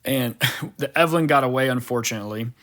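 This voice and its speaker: A man's voice: medium pitch, fast, fairly bright tone. A man commentating over a replay of his own gameplay as a coach, talking casually and animatedly, with lots of fillers and repeated words. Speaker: gaming coach.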